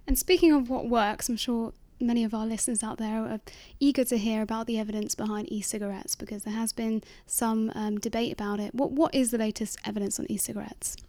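Mellow-voiced woman host asking questions. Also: a little high, steady tone, brisk, few pauses, dry recording. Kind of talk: interview questions.

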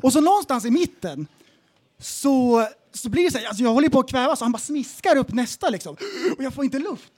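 A man with a very high voice tells comic stories on a casual podcast. He talks in an animated way and acts out the people in his stories. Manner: animated storyteller, acts out quotes. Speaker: podcast co-host. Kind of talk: casual comedic podcast chat.

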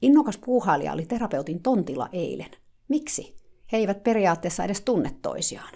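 A woman's voice: fairly low pitch, big pitch swings, gravelly, dark tone. A woman telling a dramatic first-person diary story in a confiding, casual way.

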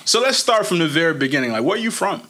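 A man's voice: a little high, sing-song, fast talker, sharp tone. A man from Niger hosting a podcast in an informal, slangy way, chatting with rambling asides. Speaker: podcast host. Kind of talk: casual chat.

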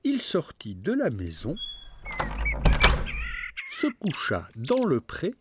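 A man narrating a fairy tale with an expressive, rising and falling storytelling manner. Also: on the high side, slow, heavy background noise. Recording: narration over clear music.

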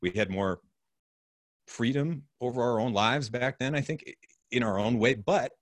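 A man's voice: mid-range voice, moderate pace, dry recording. A man as a podcast guest, talking in an easygoing, reflective way with casual filler words. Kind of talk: casual conversation.

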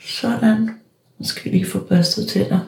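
Woman in her 40s, husky gravelly low-toned podcast host, candid and personal. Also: steady tone, a little mellow. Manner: candid, self-reflective.

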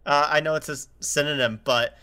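A man co-hosting a film podcast, critiquing a movie in a casual, halting way. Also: on the high side, fairly even intonation, bright, forceful tone, smooth. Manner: halting, many fillers and restarts. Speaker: podcast co-host. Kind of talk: casual film review chat.

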